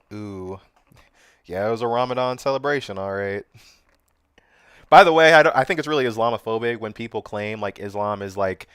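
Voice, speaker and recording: A young man talking on a livestream with a somewhat low, smooth voice, recorded close and dry. He reacts to news clips in loose, sarcastic slang and laughs at his own jokes. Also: fairly bright tone, no room sound. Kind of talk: casual streamer commentary.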